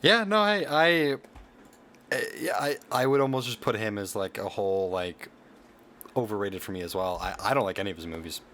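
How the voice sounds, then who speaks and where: A young man co-hosting a movie podcast, blunt and halting in casual chat, often stammering. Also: lowish voice, animated, a bit bright. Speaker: podcast co-host.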